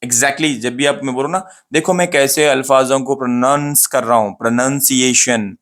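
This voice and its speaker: Man drilling pronunciation, slow and repetitive. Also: mid-range voice, steady tone. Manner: repeats words slowly to model pronunciation, asks and answers himself. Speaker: English pronunciation teacher. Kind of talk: casual spoken lesson to camera.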